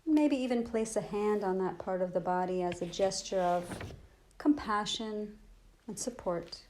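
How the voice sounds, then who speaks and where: Guiding listeners through a body scan meditation, a woman speaks in a soothing, gentle, unhurried way, leaving long pauses. Her voice is mid-range.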